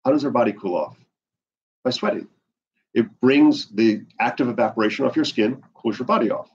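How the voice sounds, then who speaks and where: A middle-aged man from the Bahamas teaching an herbalism class indoors, animated and gesturing a lot while he paces, recorded by a camera at a distance. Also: mid-range voice, fairly quick, breathy edge, lo-fi sound. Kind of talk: lecture to a class. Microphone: far camera on the floor.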